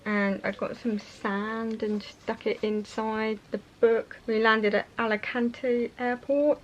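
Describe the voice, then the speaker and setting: Young british woman doing a rambly casual show and tell, bit hesitant, kinda dull audio w faint hiss. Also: fairly high pitch. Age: young adult. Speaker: vlogger. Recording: muffled sound with faint noise.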